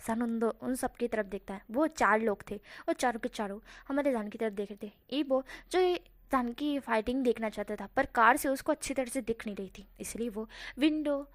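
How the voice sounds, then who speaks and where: Brief: high-pitched woman, casual fan-story narrator, chatty with self-corrections. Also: dry recording. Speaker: fanfiction narrator.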